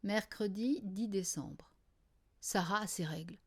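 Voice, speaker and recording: A woman narrating a children's novel in the first person, in a quiet, wry diary style. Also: mid-range voice, a little slow, husky. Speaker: audiobook reader.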